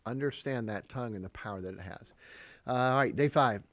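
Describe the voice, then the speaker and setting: A man teaching parents from proverbs, with emphatic delivery, repeated key lines and frequent chuckles. His voice sits at an ordinary middle pitch. The sound is dry and close. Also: brisk, no echo. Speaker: podcast host teaching parents. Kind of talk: preachy parenting talk on proverbs.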